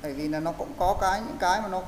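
A man with a high-pitched voice talks very fast while teaching English pronunciation online, explaining and coaching students step by step. The audio is echoey, with a roomy hall sound and faint hiss.

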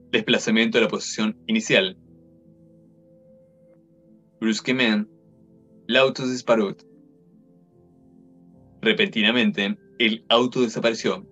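A young man slowly reading an academic linguistics text aloud word for word, carefully sounding out foreign example sentences, recorded at his desk on a webcam. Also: on the low side, sharp tone, dull audio. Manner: slow, measured, reads foreign examples carefully. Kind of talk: slow verbatim reading of a textbook.

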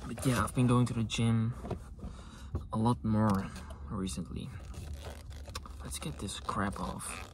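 Slow-talking young man, casual ASMR ramble. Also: on the low side, fairly even intonation. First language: not English. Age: 20s. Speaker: ASMR video creator. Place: inside a parked car with engine off. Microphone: close to camera behind steering wheel. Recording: clicking, tapping and handling noise throughout. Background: loud clicking and tapping.

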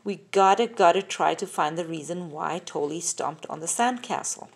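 A woman reading a picture book aloud, slowly and carefully, asking the listener questions, recorded on a phone held over the pages. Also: fairly low pitch, vocal fry, a little hiss or hum. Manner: slow, careful, sing-song with questions to the child. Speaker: reader. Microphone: phone filming the book up close.

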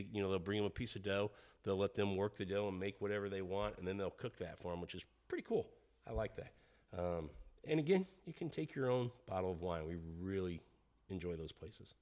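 A man co-hosts a podcast in an easygoing chat, often restarting his sentences as he rambles along. His voice sits a little low and relaxed. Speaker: podcast co-host. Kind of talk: casual chat.

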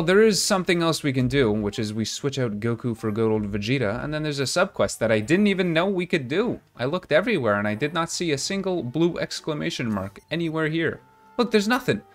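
A man giving casual running commentary as he streams a video game. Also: mid-range voice. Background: game music.

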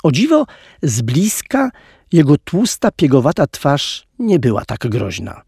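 A man narrating an audiobook in an expressive storytelling manner, recorded on a close studio mic. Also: on the high side, a little slow, vocal fry, slightly rough, dry recording. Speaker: audiobook reader.

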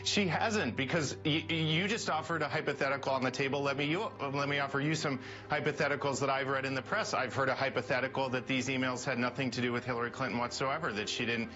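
A man's voice: mid-range voice, steady tone, fast, hardly any pauses. A man in his thirties answering on a remote feed from an office, defensive and stumbling over restarts. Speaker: campaign manager. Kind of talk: political TV interview. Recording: muffled broadcast audio with music behind.

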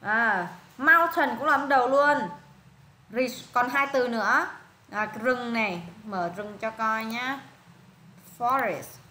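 A woman's voice: a little high, slow pace, sharp tone, echoey room, a little hiss or hum. A woman with a Vietnamese accent tutoring a student one-on-one in English pronunciation, patiently repeating words and prompting answers.

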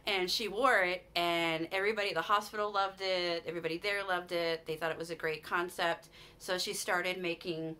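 A woman in her forties with a Utah American accent chats enthusiastically to camera in a shopping haul video, filmed in a small room at home. Her voice is lowish, steady, moderately paced, bright and forceful. As a vlogger, she's chatty, restarts often and keeps saying "you guys."

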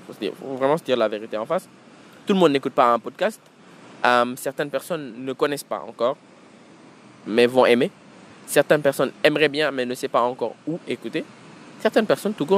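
A man's voice: mid-range voice, a little hiss or hum. A man hosting a podcast in a casual monologue. He talks reflectively, often restarts and repeats words, and mixes in Wolof and English. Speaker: podcast host.

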